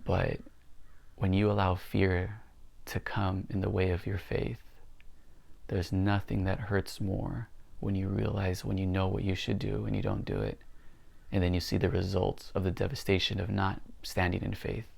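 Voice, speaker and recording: Man, pastor, gravelly voice, lowish pitch, conversational Bible retelling. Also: monotone, moderate pace, a little mellow. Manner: retells scripture conversationally with acted quotes. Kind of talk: sermon-style Bible reading commentary.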